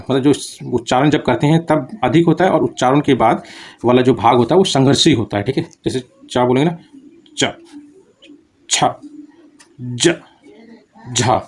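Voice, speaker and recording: A man's voice: mid-range voice, a little mellow. A man teaching a casual spoken grammar lesson, asking "okay?" and "meaning" after nearly every phrase and sounding out consonants to show how they are made.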